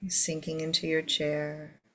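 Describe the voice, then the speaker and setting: A woman teaching a guided meditation to a seated group in a soothing, gentle way. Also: deep voice, completely flat delivery, slow pace, poor audio.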